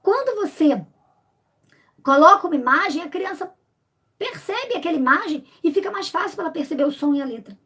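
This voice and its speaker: A woman in her fifties from Brazil, a literacy teacher explaining lessons and sounding out syllables slowly and emphatically. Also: very high-pitched, lively intonation, fairly bright tone. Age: 50s.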